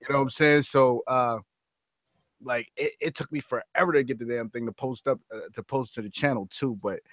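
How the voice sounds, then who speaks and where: Man, excited, slangy, casual gaming chat, dry close sound. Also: medium pitch, fairly quick, dry recording.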